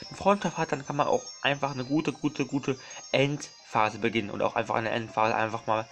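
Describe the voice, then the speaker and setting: A man's voice: mid-range voice, flat delivery, moderate pace, a bit bright, soft background music. A man doing casual let's play commentary, rambling and apologizing often, repeating his words and calling his viewers his friends.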